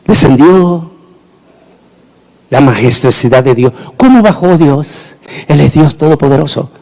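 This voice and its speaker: A middle-aged man, preaching a sermon emphatically and rising into shouted proclamations. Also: on the high side, expressive, a little slow, creaky.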